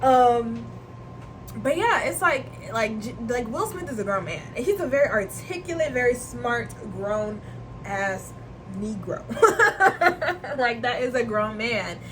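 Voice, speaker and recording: A woman's voice: fairly high pitch, sing-song, slow, a bit bright, a little hiss or hum, poor audio. A young woman from Nigeria chatting casually in a vlog, rambling and slangy and laughing often. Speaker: vlogger. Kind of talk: casual chat.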